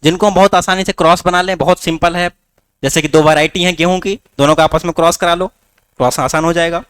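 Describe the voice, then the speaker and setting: A man's voice: fairly high pitch, fairly even intonation, brisk, a bit bright, smooth, dry recording, clean studio sound. A man teaching a class with a north Indian Hindi accent, coaxing students with rhetorical questions. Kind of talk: classroom lecture.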